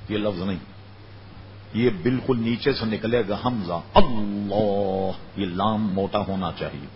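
Male scholar, lower voice, lecture delivery with drawn-out demonstrations; muffled old recording, light background hiss. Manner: demonstrates pronunciation by drawing out words. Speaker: Islamic scholar. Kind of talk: religious lecture. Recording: dull lo-fi recording with faint noise.

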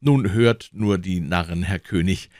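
A man's voice: lowish voice, expressive, normal speed, dry recording, clean studio sound. A man reading aloud and voicing an irritated, scornful old philosopher who scolds his fellow townsmen. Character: cunning, gruff old philosopher in a barrel, man.

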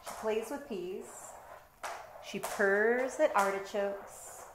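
Reading slowly in a mid-range voice, this storytime teacher shares a picture book and drops in chatty, explanatory asides. She's middle-aged and sits in a bedroom at home, where the recording picks up roomy echo and background noise.

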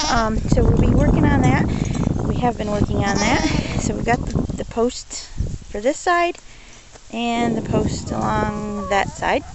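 A woman's voice: fairly high pitch, background noise. A middle-aged woman chatting casually as she walks and films a tour of her farm outdoors, talking to her animals now and then. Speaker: homesteader giving a farm tour. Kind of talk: casual walking vlog narration. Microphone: handheld camera, filming while walking. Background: goats bleating, chickens.

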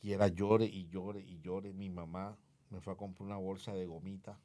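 Low-voiced man telling his story. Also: flat delivery, moderate pace, dark tone. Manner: vivid storytelling, acting out remembered dialogue. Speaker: guest sharing his life story. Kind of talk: personal testimony in conversation.

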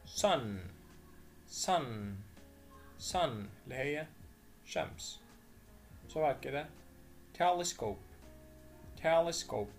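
An Egyptian-accented man teaching English vocabulary, pitched a little high with a gravelly edge. He speaks in an unhurried way, repeating each word deliberately before glossing it, with faint music underneath. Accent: Egyptian Arabic. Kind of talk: vocabulary lesson voice-over.

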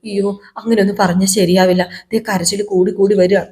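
A woman voicing a gentle, caring young wife who coaxes and pleads with her husband. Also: medium pitch, little pitch movement, brisk, close to an everyday voice. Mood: pleading. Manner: coaxing, pleading.

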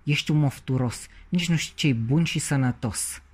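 A man's voice: on the high side, slightly rough, voice pushed up. A man voicing a proud, touchy female cauliflower who scolds in a haughty tone.

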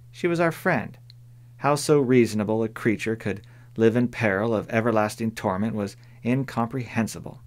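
A man narrating an audiobook in a measured storytelling manner. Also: mid-range voice. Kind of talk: scripted narration.

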